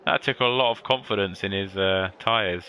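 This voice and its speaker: Male race commentator, lower voice, crisp bright tone, playful and excitable, faint noise. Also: normal speed, dull audio. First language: English. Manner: lively, playful banter, excited at overtakes. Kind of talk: sim racing commentary.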